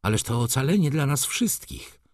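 A man voicing an excitable, fussy old male shop clerk in an audiobook, talking eagerly and persuasively. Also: medium pitch, moderate pace, no room sound, clean studio sound, pitched above the performer's own voice. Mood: agitated.

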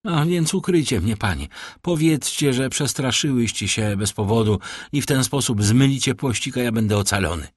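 A man's voice: medium pitch, expressive, moderate pace, hardly any pauses, slightly rough, dry recording, studio quality. A man reading an audiobook, voicing a cornered young criminal who talks in a wheedling, pleading way.

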